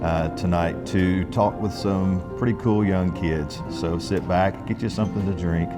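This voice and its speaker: A man co-hosting an interview show and asking relaxed, friendly questions. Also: low-pitched, measured pace, loud music behind the voice. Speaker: co-host.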